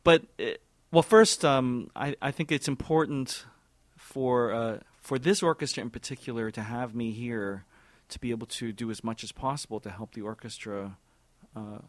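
In a dry recording, a forties-aged man who directs an orchestra responds to an interviewer with a mid-range voice. He's reflective and hesitant, full of fillers and repeated words.

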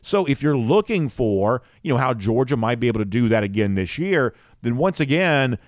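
A man's voice: mid-range voice, big pitch swings, moderate pace, no room sound, studio quality. A man hosting a solo sports podcast, talking conversationally with fillers and self-corrections. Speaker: podcast host.

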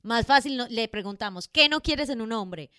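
Woman, podcast co-host, smooth clear voice, dry close sound, playful. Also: on the high side, lively intonation, sharp tone, dry recording. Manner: playful, chimes in with quick suggestions. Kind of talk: casual podcast chat.

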